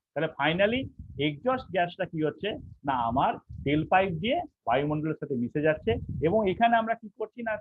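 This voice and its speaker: Male teacher, fairly high voice, rapid delivery, lots of rhetorical questions, tinny phone-like lesson recording. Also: breathy edge, dry recording. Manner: explains step by step, asks rhetorical questions. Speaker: instructor. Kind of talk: online technical lesson.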